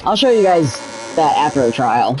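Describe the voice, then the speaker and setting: A woman's voice: low-pitched, big pitch swings, moderate pace, poor audio. A young woman hosting a let's play, rambling casually with a laid-back, self-correcting manner. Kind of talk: casual gameplay commentary. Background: game music.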